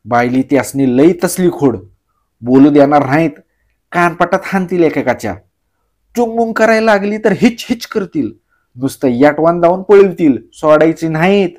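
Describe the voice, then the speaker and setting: Village joker, sly, slow drawl, teasing, clears throat, voiced by a man. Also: fairly high pitch, animated, darkish tone, close to an everyday voice. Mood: playful.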